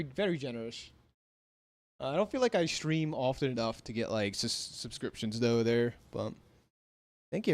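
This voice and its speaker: A US gamer on a live stream talks casually from home near a big city in a somewhat high yet darkish voice. Easygoing, he laughs a lot while reading chat.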